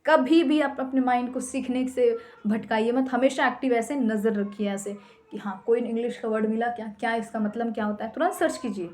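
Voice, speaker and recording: A woman's voice: a little high, fairly even intonation, fairly quick, darkish tone. A young Indian woman giving emphatic, repetitive tips to English learners, mixing Hindi and English. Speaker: English teacher. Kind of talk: casual tutorial talk.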